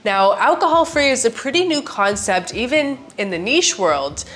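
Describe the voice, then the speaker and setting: A woman's voice: on the high side, very animated, normal speed, a bit bright. A woman with a congested, sick-sounding voice giving a chatty perfume review on her channel, often saying "like". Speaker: fragrance reviewer. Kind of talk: casual product review.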